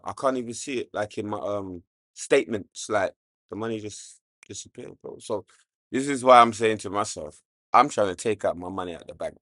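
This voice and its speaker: A man from hosting a casual commentary show, loose and joking, jumping from low mutters to loud outbursts. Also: no room sound, clean studio sound. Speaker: show host.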